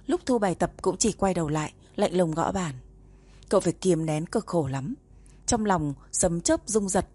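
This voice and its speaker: A woman narrating a romance novel in a calm, even storytelling voice. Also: lowish voice, dry recording. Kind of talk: audiobook narration.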